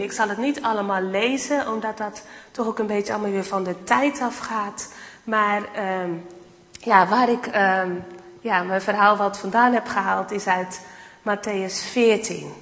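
Woman preaching in a reverberant hall. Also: mid-range voice. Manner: warm, enthusiastic, acts out Bible dialogue. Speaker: guest speaker. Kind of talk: sermon. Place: church hall.

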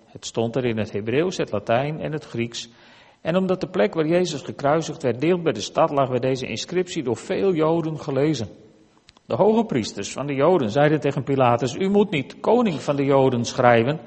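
Man reading scripture in church, slow and careful, long echo. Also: a little high, lively intonation, a little mellow, breathy edge. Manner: measured, deliberate reading. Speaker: scripture reader.

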